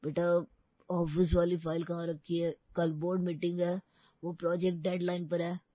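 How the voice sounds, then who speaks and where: A muddled retired old father mumbles slowly as if half asleep, voiced by a woman narrator. The storybook recording is dull and dry. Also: on the low side, little pitch movement, no echo, close to an everyday voice. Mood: drowsy confused. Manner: slow, drowsy and confused.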